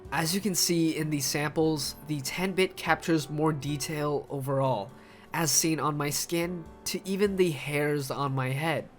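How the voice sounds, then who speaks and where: A man's voice: a little high, fairly even intonation, measured pace, soft background music. A man with a cold, sounding muffled, hollow and stuffed up in the nose, narrating a casual, conversational video review. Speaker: host, camera reviewer.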